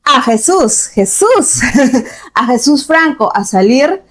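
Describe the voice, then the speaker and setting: A woman's voice: high voice, sing-song, slow. A woman hosting a faith podcast, welcoming her guest and asking questions with affirming interjections. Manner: warm welcoming, with affirming backchannels. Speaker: podcast host.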